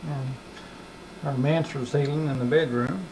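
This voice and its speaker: A man's voice: on the high side, fairly even intonation, a little slow. Man narrating an old VHS home video. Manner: casual, matter-of-fact commentary. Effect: old VHS home video tape. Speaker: home video camera operator. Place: indoors in a house. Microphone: camcorder mic behind the camera. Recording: humming, hissy old camcorder tape.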